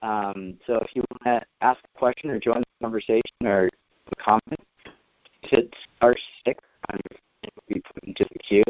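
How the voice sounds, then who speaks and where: A man's voice: on the low side, fairly even intonation, normal speed, dry recording. A man moderating a live call-in, his phone call breaking up and dropping out as he talks politely and hesitantly. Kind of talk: hosting a live call-in webcast. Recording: dull lo-fi phone line, dry.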